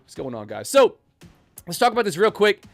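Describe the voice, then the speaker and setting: A man's voice: sits high, big pitch swings, a little fast, vocal fry. Nasal man with a cold, streaming. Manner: chatty, greets chat viewers by name. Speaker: day trading livestream host. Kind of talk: casual live-stream commentary.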